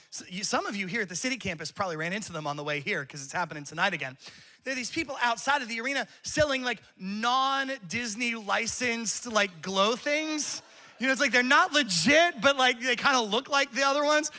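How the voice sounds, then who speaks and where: A man's voice: extremely high pitch, bright, forceful tone. A man in his thirties preaching a sermon at church, telling stories casually and laughing often. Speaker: pastor. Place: church campus.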